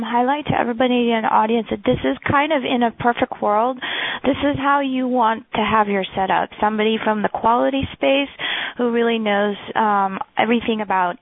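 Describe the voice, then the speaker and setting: A woman in her forties from the Netherlands, giving a chatty webinar presentation with frequent ums and restarts. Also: a little high. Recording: tinny phone-like line.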